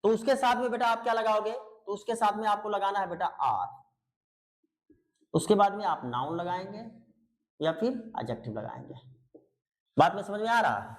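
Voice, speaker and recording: A man with a high-pitched voice teaches grammar online, explaining everything in Hindi with pronunciation. He drills each point by repeating it, then asks his students to answer back. He calls them beta in a patient, teacherly way. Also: animated, normal speed, long pauses, rough recording. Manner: explains in Hindi, repeating key words and asking students questions; addresses students fondly as beta. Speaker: English teacher. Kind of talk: online English grammar lesson.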